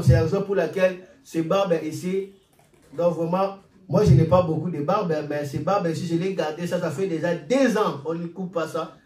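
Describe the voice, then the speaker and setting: A man around forty preaches with a high, ringing voice, calling out alleluia and amen between points. He sounds set back from the mic, and the church room echoes around him. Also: recorded from a distance. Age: 40s. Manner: animated preaching with frequent alleluias and amens. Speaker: pastor. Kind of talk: sermon. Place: church hall.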